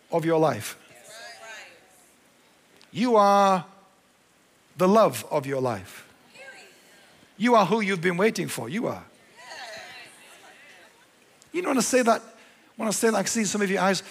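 A man's voice: sits high, fairly bright tone, big-room sound. A male pastor preaching a sermon, emphatic and repeating his key phrases.

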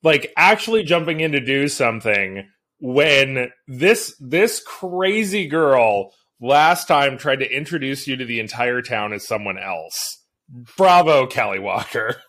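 A man's voice: medium pitch, animated, unhurried, fairly bright tone. A man co-hosting a casual podcast, giving wry, sarcastic commentary on a TV episode. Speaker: podcast co-host. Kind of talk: casual chat.

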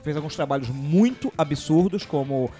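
A man's voice: on the high side, animated, moderate pace, dark tone, soft background music. A man with a Recife accent hosting a casual podcast chat in a jokey, teasing way, moving the group from topic to topic. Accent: Recife, Pernambuco. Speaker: podcast host.

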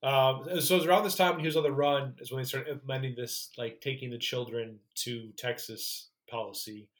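A man's voice: medium pitch, steady tone, fairly quick. A man co-hosting a podcast in casual chat, recapping a story animatedly and swearing now and then.

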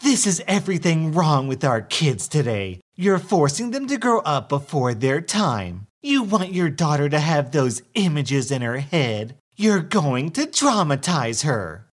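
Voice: medium pitch, sing-song, slow pace, voice pushed up. A narrator voicing an indignant, self-righteous middle-aged mother who scolds a stranger in a park. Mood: scolding.

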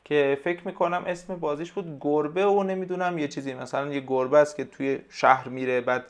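A man, a language tutor, talking casually in an interview and explaining things hesitantly with many pauses and fillers. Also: on the high side, steady tone. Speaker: language tutor, podcast guest.

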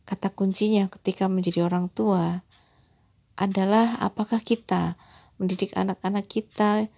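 A woman gives a calm, measured religious talk on raising children. Her voice is gravelly and husky, with a dark, mellow tone. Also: medium pitch. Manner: calm, measured, addresses listeners as brothers and sisters. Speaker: Islamic parenting speaker.

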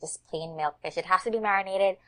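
A woman's voice: on the low side, fast, sharp tone. A woman, a guest on a food podcast, talking in an opinionated, teasing way. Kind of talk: casual chat.

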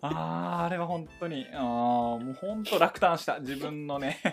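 A co-host in casual chat, laughing a lot and answering with quick backchannels. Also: mid-range voice, vocal fry, soft background music. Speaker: podcast co-host.

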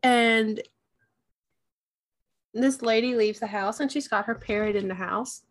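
A woman co-hosting a casual podcast chat, answering knock-knock jokes and laughing easily. Her voice is fairly high and she talks slowly, in a relaxed, unhurried way. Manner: giggly, relaxed storyteller.

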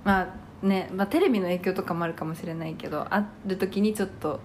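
This podcast co-host is a woman in her thirties from Hokkaido, Japan, with a light Hokkaido accent and a lowish, steady, slightly mellow voice. She talks briskly in a chatty, giggly way, rambling and using fillers. There's a bit of hiss or hum in the recording.

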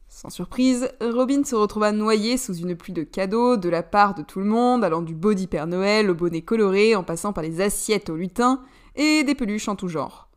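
A woman reading a story aloud, narrating at an even, steady pace. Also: medium pitch.

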